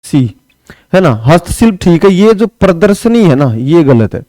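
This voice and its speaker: A man's voice: high voice, big pitch swings, normal speed, dark tone, no room sound. A man teaching a Hindi spelling lesson for exam prep, explaining step by step and asking his students questions. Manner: explains step by step, often asks "है ना"; writes on a board while talking.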